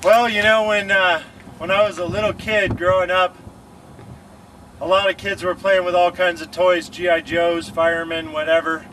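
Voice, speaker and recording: A man's voice: high voice, level tone, normal speed, a bit bright. A man from the Lake Tahoe area of California, talking casually as an extreme sports athlete being interviewed outdoors, rambling with slang and lots of fillers. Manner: rambling, laid-back, surfer slang with many fillers. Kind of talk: casual chat. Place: outdoors beside a motorcycle. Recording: noisy outdoor recording with traffic.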